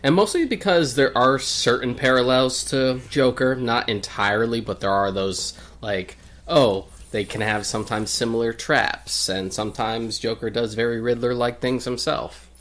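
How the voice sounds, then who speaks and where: A man joining a let's play as guest, commenting in a measured, analytical way. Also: mid-range voice, fairly bright tone. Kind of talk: casual gameplay commentary.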